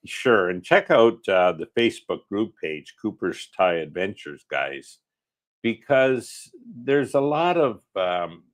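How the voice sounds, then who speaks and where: A man's voice: lowish voice, big pitch swings, slow pace. A man co-hosting a casual livestream, reading out viewer comments in a chatty, offhand way with lots of fillers.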